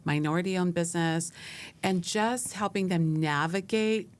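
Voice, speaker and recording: A middle-aged woman from Hawaii, a business consultant talking in a steady, measured way as an interview guest. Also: on the low side. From Hawaii, USA. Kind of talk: casual interview chat.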